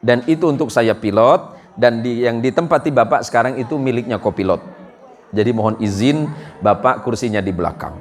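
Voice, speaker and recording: A man's voice: medium pitch, brisk, voice pushed down, lightly acted. A man voicing a polite, patient male airline pilot who speaks formally.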